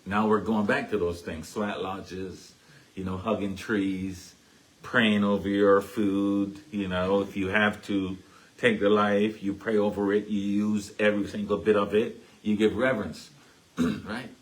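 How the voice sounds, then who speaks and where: A man's voice: on the low side, steady tone, unhurried, poor audio. A man with a Caribbean accent giving a casual teaching talk at a spiritualist church, chatty and tagging his points with "right?". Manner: chatty, keeps asking "right?".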